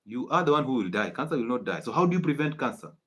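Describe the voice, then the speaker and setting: A man lectures his viewers in a live-streamed health talk. His pitch is middling, and his delivery is preachy and insistent, circling back to drive each point home. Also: sing-song, racing, a bit bright. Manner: emphatic, preachy, repeats key points. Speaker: health educator.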